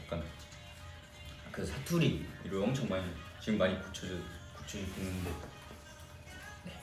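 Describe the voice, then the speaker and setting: A man's voice: low voice, animated, moderate pace, music in the background. Young man chatting with fans, echoey room. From Jeolla region, Korea. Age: young adult. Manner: chatty, reads and answers fan comments. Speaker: idol singer hosting a fan livestream. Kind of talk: casual livestream chat. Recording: echoey room, distant mic.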